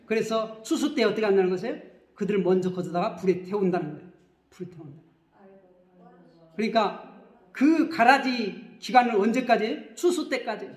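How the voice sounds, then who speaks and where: A man's voice: very high-pitched, echoey room. A man preaching a sermon as pastor, who keeps asking the congregation questions and then answering them himself.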